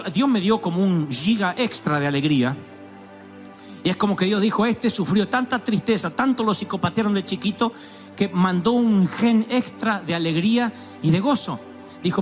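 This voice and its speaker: An animated male pastor delivers a sermon in a large church, his voice sitting notably high for a man. He tells stories with sudden exclamations and quick mimicry, while soft music plays faintly underneath. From Argentina.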